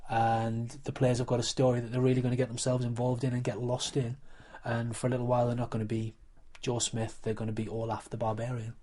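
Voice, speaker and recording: Mellow, even-toned man explaining things. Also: medium pitch. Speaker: live role-play coordinator and referee. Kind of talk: explanatory documentary interview.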